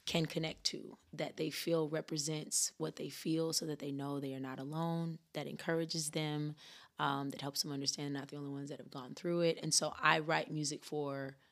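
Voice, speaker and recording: A woman musician answering an interview question about her music, in an earnest, measured way. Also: sits low, little pitch movement. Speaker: musician guest.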